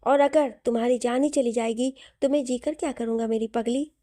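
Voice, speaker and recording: Brief: tender, protective young husband, read by a woman, soft coaxing voice, slightly high and mellow. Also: steady tone, brisk, no echo, clean studio sound, close to an everyday voice. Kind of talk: audio story reading.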